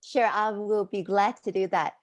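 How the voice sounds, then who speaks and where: A business mentor in her forties, who grew up in Hong Kong and Canada, shares her life story as a podcast guest, sounding lively and conversational. Her pitch is medium and her speed normal, in the style of relaxed interview storytelling.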